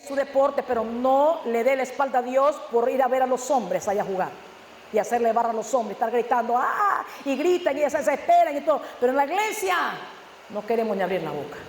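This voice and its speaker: A male pastor preaches fervently, firing rhetorical questions and sudden loud emphasis. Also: very high-pitched, fairly quick, slight background noise. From Nicaragua. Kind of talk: sermon. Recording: echoey church hall with long reverb.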